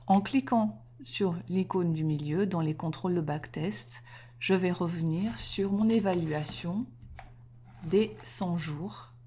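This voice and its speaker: A woman explaining trading software step by step in a screen-recorded tutorial, methodical and clear, with small self-corrections. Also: lowish voice, takes it slowly, slight background noise.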